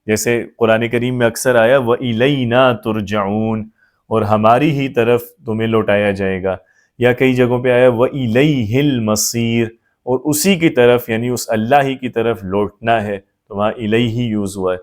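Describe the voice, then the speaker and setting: A man teaching an Arabic grammar lesson at an everyday pitch. His delivery is patient and methodical, and he goes back over each word form step by step. He keeps stopping to make sure the learner is following along. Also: fairly even intonation. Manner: patient, repeats forms, checks understanding often.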